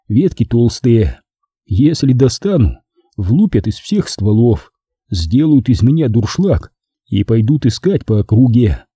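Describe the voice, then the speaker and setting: A male narrator reads a first-person adventure with a very dark, husky voice and a lively, swinging delivery. He sounds close to the mic in a dry space with no room echo. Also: mid-range voice. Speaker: audiobook narrator.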